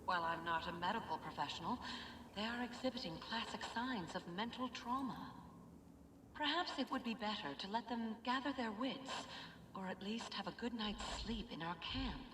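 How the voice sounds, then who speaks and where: A woman plays a cautious, earnest game novice. The voice is medium in pitch with polite, formal phrasing, ringing in a roomy hall over faint noise. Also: expressive, moderate pace, a bit bright, lightly acted. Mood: hesitant, concerned. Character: earnest, cautious, considerate young scholar novice. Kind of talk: scripted game acting.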